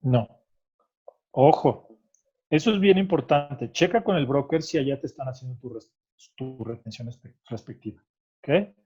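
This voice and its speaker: Measured in pace with long pauses, this man's medium-pitched, dark, slightly rough voice comes through dull audio. He's a tax expert guest with a Mexican Spanish accent, explaining tax rules patiently and checking often that he's understood, with "¿ok?" after his points.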